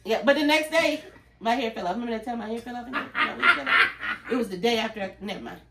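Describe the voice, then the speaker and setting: A woman's voice: a little high, fast, heavy background noise. A woman co-hosting a casual chat show, telling stories playfully and laughing often. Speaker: podcast co-host.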